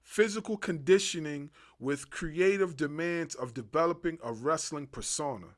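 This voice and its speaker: A man's voice: fairly high pitch, moderate pace. A man hosting a wrestling podcast, chatting casually and animatedly with lots of fillers. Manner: animated, rambling with many fillers. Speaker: podcast host. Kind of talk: casual interview chat.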